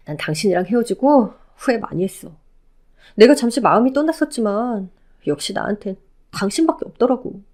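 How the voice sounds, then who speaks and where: A woman's voice: medium pitch, a little mellow. A woman voicing a wheedling, self-pitying ex-husband who begs his former wife to take him back, in a Korean audio drama. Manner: pleading, whiny.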